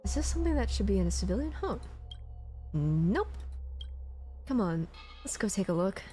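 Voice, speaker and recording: A woman's voice: mid-range voice, very animated, moderate pace, warm tone. A woman streaming a game, reading its text aloud expressively and adding casual commentary. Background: music.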